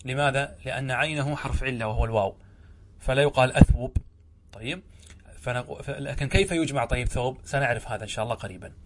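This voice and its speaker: A man teaching Arabic grammar in a lecture, often asking his students whether the point is clear. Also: medium pitch, very noisy. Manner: checks understanding with frequent questions to students; reads the verse slowly, then explains it. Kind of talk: explanatory lecture.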